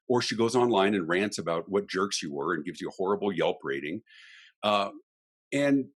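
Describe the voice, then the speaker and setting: A man's voice: fairly low pitch, slightly rough. A middle-aged man, a guest speaker on a podcast, talking emphatically in a ranting, example-filled way. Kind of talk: animated interview talk.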